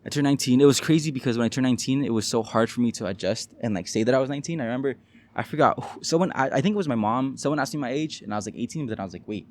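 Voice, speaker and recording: A man's voice: medium pitch, very fast, a little mellow. A nineteen-year-old man rambling casually in a vlog, swearing often and restarting his sentences. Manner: rambling, swears a lot, many restarts and fillers. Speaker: vlogger. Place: outdoors with mosquitoes.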